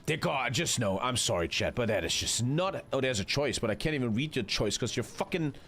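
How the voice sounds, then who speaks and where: A man's voice: medium pitch, expressive, brisk, fairly bright tone, a little hiss or hum. A man, streaming a strategy game live, chatting with his viewers and swearing casually. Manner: swearing, chatty, reading chat aloud. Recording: faint music behind.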